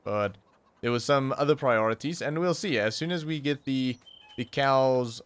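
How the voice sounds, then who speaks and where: Here a gaming channel host, a young non-native English speaker, gives relaxed commentary on his own play, thinking aloud and using fillers and restarts. He speaks at a moderate pace in a mid-range voice that is clear and resonant.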